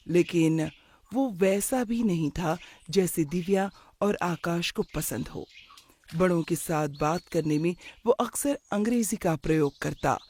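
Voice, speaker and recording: A narrator telling an animated moral story in a calm, measured way. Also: medium pitch.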